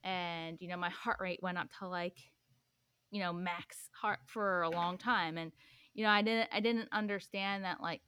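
Youngish woman guest, lowish voice, loose rambly chat full of likes and ums, dry close sound. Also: fairly even intonation, normal speed, bright, forceful tone, smooth, dry recording. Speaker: podcast guest. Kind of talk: casual chat.

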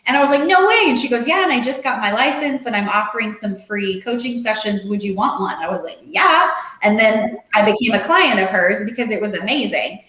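A middle-aged woman talking casually as a podcast guest, animated, acting out the voices she quotes. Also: medium pitch, fairly quick, few pauses, roomy sound, low-quality recording. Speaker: podcast guest, real estate investor and coach. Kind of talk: casual interview chat.

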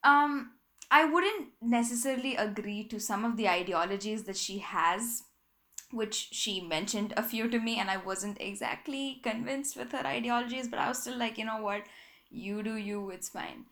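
A young woman hosting a podcast alone, telling a story in a rambling, animated way and often correcting herself. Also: a little high, moderate pace. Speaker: podcast host. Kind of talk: casual solo podcast chat.

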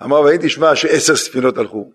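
A man's voice: a little high, husky. A man, a rabbi, giving a sermon that tells a story through acted-out dialogue and questions to the listeners. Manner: acts out dialogue in a story, lively questions to the audience.

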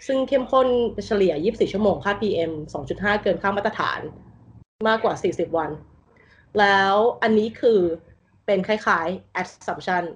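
A woman's voice: medium pitch, moderate pace, highs cut off. A woman thinking aloud through a design exercise in casual talk, mixing English terms into her speech, over a video call from home. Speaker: design interview candidate. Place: bedroom at home with a loud roommate. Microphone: computer mic on a video call.

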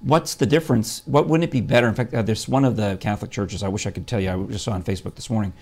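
A man's voice: lowish voice, steady tone, fast talker, a little mellow. A man hosting a casual morning chat show, talking in a rambling, chatty way with lots of fillers and restarts. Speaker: show host.

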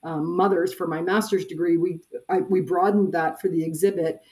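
A woman's voice: on the low side, steady tone, moderate pace, darkish tone, poor audio. A middle-aged woman, a church peace minister, speaking earnestly as a podcast guest with frequent fillers. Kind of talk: casual interview talk.

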